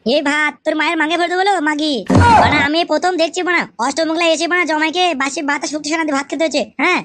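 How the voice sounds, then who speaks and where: A woman's voice: sits high, fairly even intonation, racing, very noisy, close to an everyday voice. A woman voicing a hot-tempered young son-in-law in a comic cartoon, crude and swearing. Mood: indignant.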